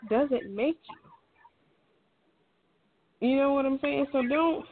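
A middle-aged woman with a high voice takes her time, speaking slowly as she offers emphatic, encouraging advice in a casual, colloquial style. Her words come through a thin, phone-like recording with clear noise.

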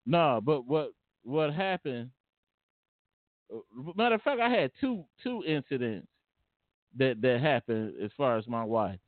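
A man with a medium-pitched voice tells a personal story in a casual, earnest way, often repeating and restarting phrases. He's a vlogger, and the recording is dry and tinny, like a phone, with no room sound.

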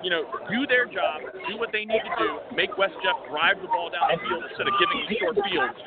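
A man reporting live from the sideline of a game, hurried and excited, restarting his phrases as he goes. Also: high-pitched, narrow, tinny audio, over a noisy crowd. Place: outdoor football field sideline. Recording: noisy thin outdoor field broadcast link.

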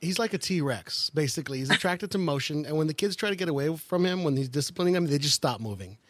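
A man's voice: a little high, expressive, quick pace, background noise. Joking male podcast co-host. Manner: joking, laughs often. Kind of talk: casual chat.

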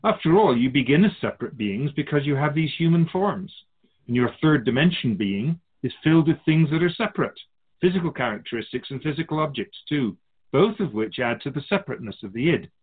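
This spirit guide in a radio drama, a man voicing an otherworldly keeper of souls, lectures like a wise, teasing mentor, posing theatrical rhetorical questions. He sounds a little high and husky, with lively intonation and a fairly quick pace, over phone-quality audio.

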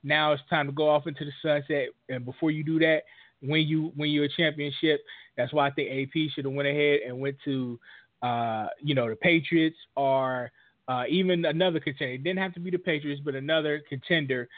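Wry, measured man on a thin line. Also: on the high side, steady tone, dry recording. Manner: measured, wry, thinks aloud with small restarts. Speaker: podcast co-host. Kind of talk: casual sports talk. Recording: dry, phone-like lo-fi audio.

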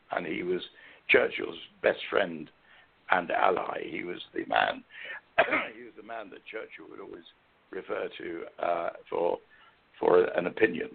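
An older British man with a hoarse, croaky frog voice, telling his story haltingly as an interview guest. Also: sits low. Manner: halting, hesitant delivery with frequent pauses. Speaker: interview guest, author and journalist. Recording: muffled, narrow phone-line sound.

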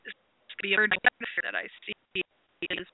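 A woman hosting a call-in show, her voice over a garbled phone line that keeps breaking up, giving encouraging advice with pauses. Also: medium pitch, flat delivery, vocal fry, very noisy. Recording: tinny dry phone line.

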